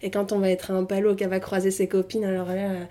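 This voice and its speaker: A young Tunisian woman, a native Arabic speaker, is interviewed and gives casual personal testimony about her life, speaking hesitantly with slang and lots of fillers. Her mid-range voice is mellow and monotone, and she talks fast.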